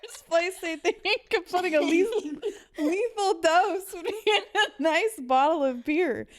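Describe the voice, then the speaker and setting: A woman's voice: very high-pitched, lively intonation, a little slow, voice pushed up. Woman reading a brusque army captain. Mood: amused.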